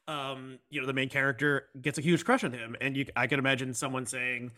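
Male interviewer, hesitant and halting, bright clear voice. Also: mid-range voice, little pitch movement. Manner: hesitant, many ums and uhs. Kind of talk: casual interview.

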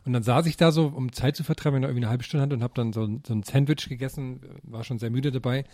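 A man co-hosting a podcast, telling animated anecdotes in casual chat. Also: mid-range voice, rapid-fire, no room sound, studio quality. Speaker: podcast co-host.

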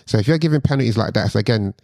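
A man rants about refereeing in casual podcast banter. He talks quickly, restarting phrases as he goes, and the close mic leaves his voice dry with no room sound. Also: on the low side, creaky, a little mellow, no echo. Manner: rapid, restarts often, says "yo" and "bruv". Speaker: podcast co-host.

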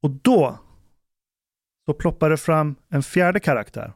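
A man's voice: a little high, no room sound, clean studio sound. A man hosting a podcast, telling a story in casual chat and acting out what people said. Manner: animated storyteller acting out quotes. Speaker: podcast host.

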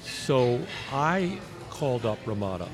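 A man podcasting in a casual conversational way, with a halting delivery that often repeats words. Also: mid-range voice, sing-song, music in the background. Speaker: podcast co-host. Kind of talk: casual conversational storytelling and complaint.

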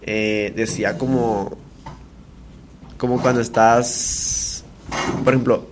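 A young man with a Mexican accent, co-hosting a casual podcast chat and telling a story in halting, rambling bursts. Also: medium pitch, fairly even intonation, noisy background. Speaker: podcast co-host. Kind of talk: casual chat among friends.

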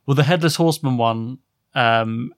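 A man's voice: mid-range voice, normal speed, no room sound, clean studio sound. A man hosting a podcast, chatting in an easygoing, reassuring way with a guest. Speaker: podcast host. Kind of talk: casual podcast chat.

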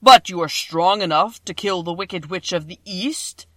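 Woman reader doing a commanding booming wizard head, slow and loud. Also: no room sound. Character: booming giant disembodied head, stern wizard.

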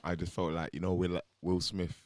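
A man's voice: deep voice, flat delivery, moderate pace, darkish tone, no room sound, studio quality. A man with a British urban roadman accent, telling things casually in street slang with repeated tags. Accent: British urban street (roadman) English.

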